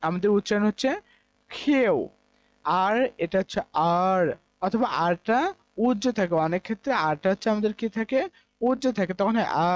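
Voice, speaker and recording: A man's voice: high voice, dry recording, muffled recording. A man from Bangladesh, teaching English grammar in a classroom-style lesson, explaining step by step and repeating key points.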